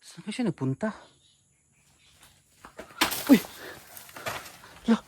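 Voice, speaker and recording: A man's voice: high-pitched, sing-song, extremely slow, background noise. A man doing a ghost-hunting vlog, talking to his viewers and calling out anxiously as he goes. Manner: addresses viewers as idols, calls out anxiously. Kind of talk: handheld horror vlog commentary.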